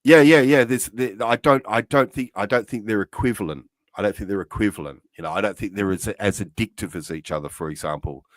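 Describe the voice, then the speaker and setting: A middle-aged man with a fairly low voice talks earnestly on a live stream. He stops and restarts his sentences as he works through a point. The sound is close and dry. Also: no echo. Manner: earnest, halting, many restarts. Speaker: co-host. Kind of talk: casual live-stream chat.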